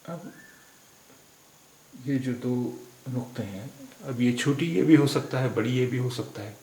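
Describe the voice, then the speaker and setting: A man's voice: medium pitch, measured pace, darkish tone. A man teaching letters and words step by step, patiently explaining and saying each word three times over. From India. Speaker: language teacher. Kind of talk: slow word-by-word script lesson. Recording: echoey room with faint background noise.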